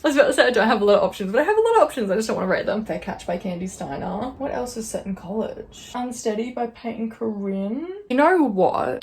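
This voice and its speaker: A woman book vlogger chatting to camera at home by her bookshelf, excitable and thinking out loud. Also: medium pitch, gravelly. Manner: excitable and chatty, thinks aloud, with bursts of squealing. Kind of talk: casual chat to camera.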